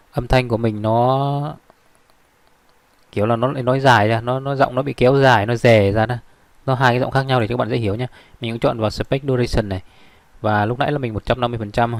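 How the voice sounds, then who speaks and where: Quick-talking man with a gravelly voice. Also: mid-range voice, dry recording. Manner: rambling, many fillers and restarts. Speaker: software tutorial instructor. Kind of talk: screen-recorded tutorial.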